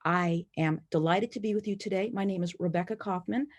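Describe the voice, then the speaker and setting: Speaking briskly in a lowish voice, this American collector gives a slide presentation from home. Her manner is warm, eager, and a little playful.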